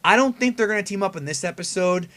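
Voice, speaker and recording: A male anime review host speaks in a fairly high register. He breaks down a preview in a casual, conversational way, stressing his points and putting rhetorical questions to viewers. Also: expressive, fast, pushed and bright. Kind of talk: casual fan commentary breaking down an episode preview.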